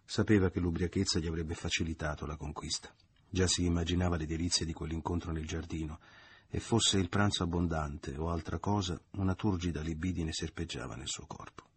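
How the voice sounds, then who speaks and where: A man reading a novel aloud in a measured, expressive storytelling voice. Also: low-pitched, a little hiss or hum. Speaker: audiobook reader. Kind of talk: dramatic literary reading.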